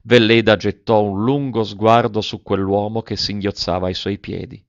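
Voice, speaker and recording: A man narrating a novel aloud in a measured, dramatic way. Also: on the low side, fairly even intonation, no echo. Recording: dull dry lo-fi recording.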